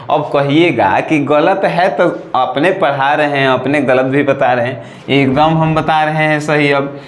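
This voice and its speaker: Slow high-voiced Bhojpuri teacher. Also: male voice, roomy sound. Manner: repetitive, checks in with "right or not?". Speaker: English grammar teacher. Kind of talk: classroom-style lesson.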